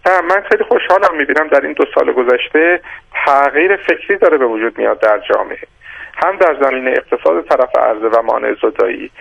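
A man giving measured, explanatory answers as an economist guest in a radio interview, with frequent hesitations and restarts. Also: mid-range voice, creaky, dry recording. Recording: dry, dull lo-fi radio sound.

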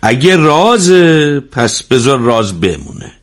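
An actor playing a respected, pious benefactor in a drama, asking questions in a measured, gently probing way. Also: male voice, mid-range voice, big pitch swings, natural voice. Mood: kindly.

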